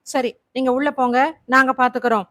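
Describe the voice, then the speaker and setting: A woman voicing a brisk police officer in an audiobook thriller, crisp and authoritative. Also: extremely high pitch, steady tone, sharp tone, dry recording, clean studio sound. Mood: official.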